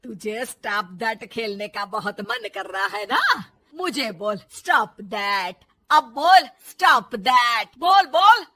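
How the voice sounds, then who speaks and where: A woman voicing a sharp-tongued older mother-in-law in an animated storybook, nagging and taunting. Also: mid-range voice, slow pace, few pauses, husky, heavily acted. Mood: scolding.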